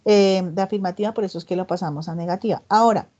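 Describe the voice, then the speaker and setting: Female English tutor lecturing over a video call, soft mellow tone, slightly lo-fi audio, patient and stepwise, reads examples slowly. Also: mid-range voice, fairly even intonation. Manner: explains step by step, often checks in with "¿listo?". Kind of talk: online class lecture.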